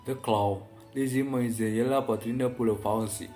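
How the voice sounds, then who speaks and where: A man's voice: medium pitch, fairly even intonation, a little slow, warm tone, soft background music, close to an everyday voice. A young man, playing a restaurant guest in a student role-play and speaking brief learner's French. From Indonesia. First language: Indonesian. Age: 20s.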